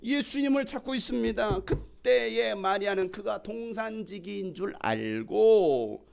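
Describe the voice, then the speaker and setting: A man preaching from the pulpit in a gravelly, mellow voice pitched a little high. He shifts between loud cries and hushed whispers and acts out the scripture as he goes. It is a sermon delivered to a congregation. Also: lively intonation, unhurried. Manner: preaching with dramatic swings between loud calls and soft whispers. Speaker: pastor.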